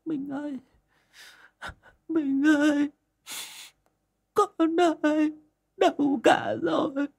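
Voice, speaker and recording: A man's voice: extremely high pitch, flat delivery, very slow, creaky, long pauses, darkish tone, voice pushed up, exaggerated voice. A man voicing a grief-stricken older village widow who calls out in a quavering, lamenting voice. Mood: grieving. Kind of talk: horror storytelling.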